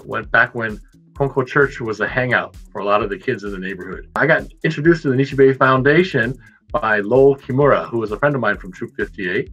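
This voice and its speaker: A man's voice: fairly low pitch, pushed and bright. A man from San Francisco, a board member, introducing himself in a friendly, chatty way in an office. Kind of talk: casual introduction. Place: office wall with banner. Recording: dull lo-fi audio with faint music.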